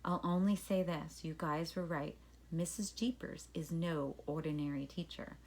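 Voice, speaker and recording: A woman's voice: normal speed, a little mellow. A woman voicing a boastful, troublemaking schoolboy in a read-aloud storybook, with a bragging and pleading manner. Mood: shaken. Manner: bragging, then pleading high and shaky.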